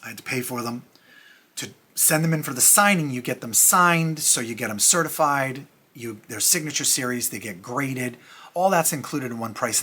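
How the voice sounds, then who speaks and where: A man's voice: medium pitch, pushed and bright, breathy edge. A middle-aged man hosting a casual comic review vlog, chatty and rambling with self-deprecating asides. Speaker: comic review channel host.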